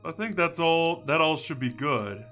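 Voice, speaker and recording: A male game streamer thinks aloud in short, muttered phrases. His voice is bright and slow-paced, swinging noticeably in pitch, with casual livestream delivery. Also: expressive, soft background music.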